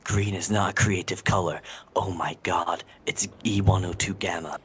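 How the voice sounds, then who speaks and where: Male actor for a rude, dismissive game hedgehog antihero; very deep register, improvised fan dub. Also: fairly even intonation, moderate pace, fairly bright tone, a little hiss or hum. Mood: scornful, insulting. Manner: blunt, profane, dismissive.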